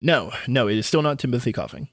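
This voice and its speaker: A man's voice: mid-range voice, lively intonation, fast, no echo, clean studio sound. A man running a tabletop horror game as game master, narrating with lots of fillers and loose, rambling phrasing. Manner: rambling, filler-heavy, chuckling.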